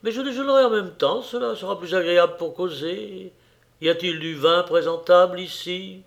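A man reading aloud and voicing a bold, cheerful young Parisian journalist who talks in a smooth, jovial and persuasive way. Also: high-pitched, moderate pace, voice pushed up.

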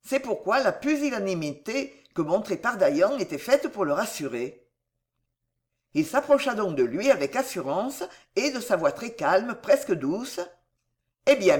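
An audiobook narrator telling an adventure novel with dramatic flair. The pitch sits in the middle but rises and falls a lot. The reading is expressive throughout.

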